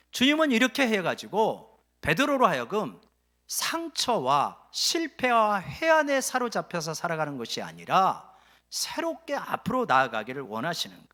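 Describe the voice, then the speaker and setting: A male pastor preaching a sermon, full of rhetorical questions and swinging between loud and hushed delivery. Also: high-pitched. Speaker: senior pastor.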